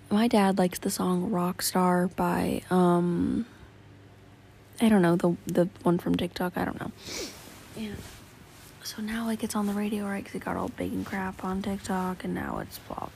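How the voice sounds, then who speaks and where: A woman's voice: medium pitch, a little mellow, a little hiss or hum. A teenage girl chatting casually to the camera, rambling with lots of fillers and slipping into whispers. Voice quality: gravelly creaky voice, often whispering. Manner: rambling, giggly, full of fillers like "like" and "um". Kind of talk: casual vlog chat.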